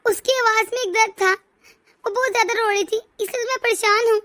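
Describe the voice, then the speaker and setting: A woman voicing a high, anxious older mother. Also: fairly even intonation, moderate pace, sharp tone. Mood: worried. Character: worried older mother-in-law, doting mother.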